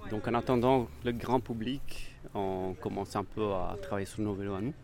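A man's voice: on the low side, flat delivery, normal speed, a crowd in the background. A man speaking informally as a workshop organiser, explaining things step by step with some hesitation. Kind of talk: casual spoken explanation. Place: outdoors in town.

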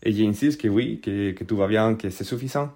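A man's voice: on the low side, normal speed, warm tone. Hesitant Spanish-accented man. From Spain. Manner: hesitant, searching for French words with frequent fillers. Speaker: guest telling a personal story. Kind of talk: casual spoken anecdote.

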